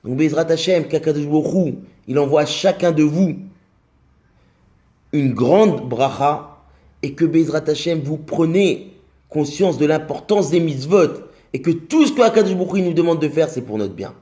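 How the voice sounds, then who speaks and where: A man's voice: animated, normal speed, warm tone. A man giving a short religious lesson, telling a story and voicing its dialogue, with Hebrew terms in his speech. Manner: storytelling, acts out dialogue with rising pitch. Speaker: Torah teacher.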